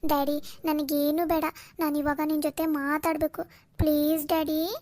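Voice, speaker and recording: Woman doing a little cartoon girl, very high, childlike, pleading. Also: level tone, moderate pace, darkish tone, lightly acted. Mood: sweet. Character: sweet little girl meeting her father. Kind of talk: Kannada cartoon voice acting.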